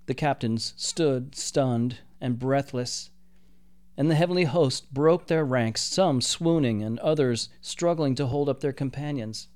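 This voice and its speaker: A man narrating a story in a measured, expressive reading. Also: medium pitch.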